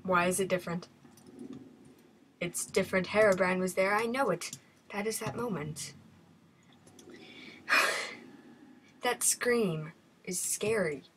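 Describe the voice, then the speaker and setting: A woman's voice: mid-range voice, takes it slowly, long pauses, rough recording. A woman giving horror game commentary, nervous and jumpy, often dropping into half-whispered asides. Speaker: gamer. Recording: loud background noise.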